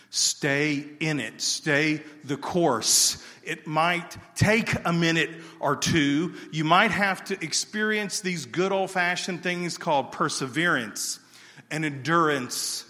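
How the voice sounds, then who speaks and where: A man's voice: a little high, bright, forceful tone. A man giving an earnest sermon, stretching out key words for emphasis. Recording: church hall with long reverb.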